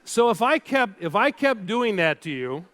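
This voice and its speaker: A man's voice: sits high, normal speed. A man giving a keynote talk, telling a story and leading the audience in drills. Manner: animated, leads audience drills. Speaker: keynote speaker. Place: large hall before a live audience.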